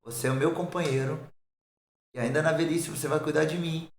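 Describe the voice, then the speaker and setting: A pastor with a Brazilian Portuguese accent telling his conversion testimony on a podcast, animated and acting out the voices of the people in his story. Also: fairly high pitch, fairly quick, reverberant, slight background noise.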